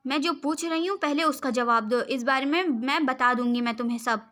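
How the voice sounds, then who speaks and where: Fiery young woman, scolding, high voice; storybook reading by a woman. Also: a little fast, fairly bright tone. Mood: angry. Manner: scolding, demanding answers.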